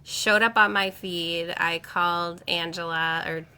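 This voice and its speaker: A woman's voice: fairly low pitch, fairly even intonation, unhurried, pushed and bright, clean tone. A woman, a film producer, talking enthusiastically in a casual conversation. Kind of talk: casual chat.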